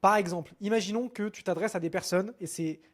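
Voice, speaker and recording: A man coaching on marketing funnels in a casual, filler-heavy way, often checking in with "ok?". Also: sits high. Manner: fast, informal, many fillers and restarts, addresses viewer with "ok?". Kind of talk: screen-share marketing lesson.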